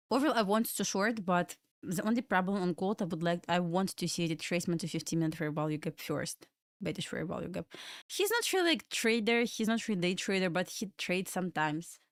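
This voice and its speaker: A young woman from Belarus, Russian-accented, chats loosely with her audience while hosting a live trading stream in a Florida home room. Her voice is lowish and her pace moderate. There's no room sound, just clean studio audio, as she rambles through chat questions between market notes.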